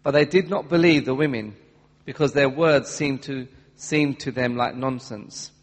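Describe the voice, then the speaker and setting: A man reading a Bible passage aloud to a church congregation, steady and careful. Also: mid-range voice, unhurried. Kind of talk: scripture reading. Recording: long hall reverb.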